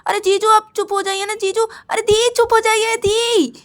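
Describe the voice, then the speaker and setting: An anxious young man who urgently begs two people to stop fighting, voiced by a woman storyteller. His voice is pitched very high and pushed loud. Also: little pitch movement, moderate pace. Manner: urgent, pleading.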